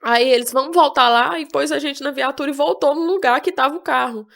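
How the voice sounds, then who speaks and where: A young woman from Brazil gives a personal testimony in an interview. Her voice sits high and has a gravelly, fried edge. She talks in plain rural speech and voices the people in her story as she retells it. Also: fairly quick, fairly bright tone. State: tearful at times.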